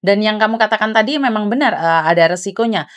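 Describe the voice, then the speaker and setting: A woman hosting a call-in advice show, calm and frank, calling her caller "dear". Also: medium pitch, fast talker.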